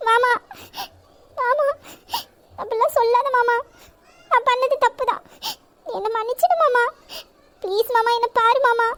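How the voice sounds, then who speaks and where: A woman's voice: very high voice, a little fast. A woman playing a pleading, lovesick college girl. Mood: pleading, tearful. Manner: pleading, coaxing, affectionate. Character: tearful young college girl in love. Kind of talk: romantic audio drama acting.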